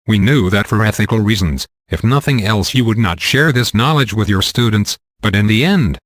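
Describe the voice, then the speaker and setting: A man reading as a gentle alien woman. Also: fairly low pitch, dry recording, close to an everyday voice. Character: gentle wise female alien visitor. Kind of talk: audiobook reading.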